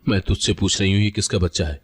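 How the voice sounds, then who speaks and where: A man's voice: deep voice, quick pace, slightly rough. A man voicing a harsh, scheming older mother-in-law who taunts and scolds. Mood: scornful.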